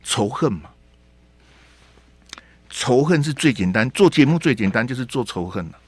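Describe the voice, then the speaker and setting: 激动连连发问的台湾口音男主持人. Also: male voice, mid-range voice, animated, normal speed, husky, no room sound. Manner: heated, rhetorical questions, repeats words. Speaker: radio talk show host. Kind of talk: opinionated political commentary. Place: radio studio.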